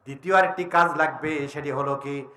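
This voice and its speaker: Echoey, bright-voiced sermon preacher. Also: male voice, steady tone, brisk. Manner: calls out questions to the crowd, swings from low talk to shouted chanting. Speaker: Islamic preacher. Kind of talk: Bengali waz sermon.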